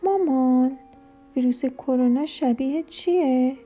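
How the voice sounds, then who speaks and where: A woman's voice: high voice, dark tone, lo-fi sound, soft background music. A woman voicing a curious, eager little girl in a read-aloud children's story.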